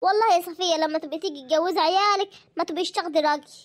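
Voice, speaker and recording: A speaker with an Egyptian accent who performs every role of a family drama series, trading quick, bickering household dialogue. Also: extremely high pitch. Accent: Egyptian Arabic.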